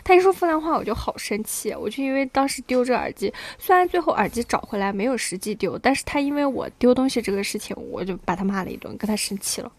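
A young woman in her twenties chats on a podcast and tells stories in an animated way. Her voice sits a little high. The sound is dry and close. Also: fast, hardly any pauses, no echo. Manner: animated storytelling, often asks "you know?". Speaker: podcast co-host. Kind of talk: casual chat.

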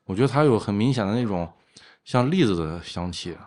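Male craft brewer as interview guest, low pitch, agreeable, explains in casual conversation. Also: animated, brisk, a little mellow.

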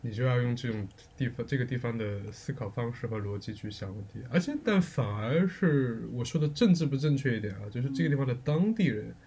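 A man co-hosting a podcast, reasoning through ideas in a casual, measured way. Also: medium pitch, animated, dark tone, husky. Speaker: podcast co-host. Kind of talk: casual chat.

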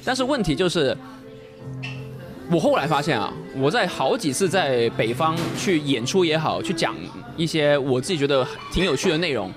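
A man's voice: a little high, sing-song, normal speed, over music. A man from Guangzhou speaking Mandarin with a light Cantonese accent, explaining things in a casual podcast chat as a guest. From Guangzhou, China. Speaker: guest, full-time short-video creator.

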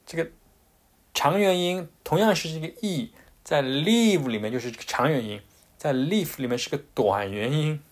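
A man teaching English pronunciation in a casual, patient way, with frequent fillers and restarts. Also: a little high. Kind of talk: casual explanatory lesson.

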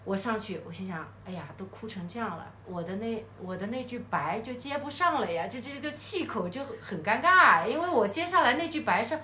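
Woman co-host, lively storyteller with frequent laughter, bright and slightly high voice, echoey room. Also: fairly quick, hardly any pauses. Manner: animated, laughs often while telling a story. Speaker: podcast co-host. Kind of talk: casual chat, storytelling. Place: hotel room. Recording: echoey room, faint background noise.

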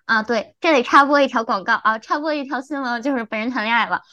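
A young woman in her twenties co-hosting a podcast, telling a story in an animated, exasperated way. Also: fairly high pitch, quick pace, no echo, lo-fi sound. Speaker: podcast co-host. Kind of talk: casual chat.

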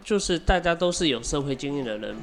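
A man's voice: on the high side, lively intonation, fast. Male podcast co-host, faint music behind. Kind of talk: casual chat.

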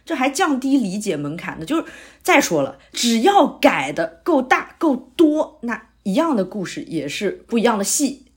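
A woman with a higher voice, big pitch swings, and a moderate pace performs the role of an earnest, middle-aged male playwright in an audio drama. As this eager pitcher, she talks persuasively and expounds on his ideas at length.

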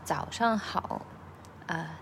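Woman, language-learning diary, careful repetition, lowish voice, faint background hiss. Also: lively intonation, gravelly, fairly bright tone. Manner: careful, repeats words slowly, hesitant fillers.

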